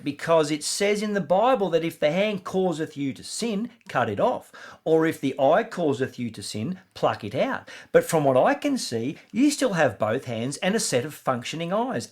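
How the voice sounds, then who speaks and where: A man co-hosting a scripted podcast, animated and emphatic. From Australia. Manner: animated, emphatic, rising pitch on jabs. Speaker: podcast co-host. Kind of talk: scripted comedic podcast banter.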